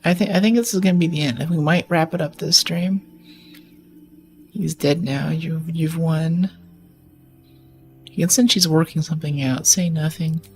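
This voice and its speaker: A woman streamer chats her way through a video game, thinking aloud with plenty of fillers. Her voice sits a little low. Faint game music runs underneath. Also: fairly even intonation, moderate pace, long pauses, a little mellow. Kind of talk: casual gameplay commentary.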